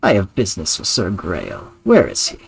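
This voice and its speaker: Game spy for hire, snake-like and sly, curt and businesslike, lively intonation male performer. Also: deep voice, normal speed, gravelly, slightly rough, no echo, heavily acted. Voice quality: snake-like, sly hissing delivery.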